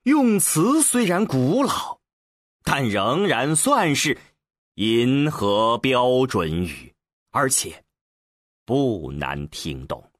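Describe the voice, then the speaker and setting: A male narrator tells the story in a deliberate, expressive storytelling style. His pitch rises and falls dramatically while the pace stays unhurried. The voice has a husky grain and sounds dry and close. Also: dry recording. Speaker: audiobook narrator.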